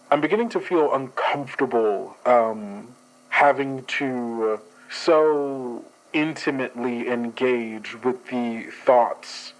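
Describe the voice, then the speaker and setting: On a low-quality recording, a medium-pitched man speaks in something close to his everyday voice. He is playing a dream investigator in an actual play, giving an in-character report as a formal, guarded agent who hesitates and talks in stiff bureaucratic language.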